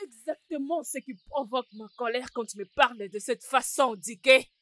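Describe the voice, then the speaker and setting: A woman's voice: fairly high pitch, normal speed, a bit bright, close to an everyday voice. A woman voicing a jealous, scheming co-wife in a dubbed film, harsh and threatening. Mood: resentful.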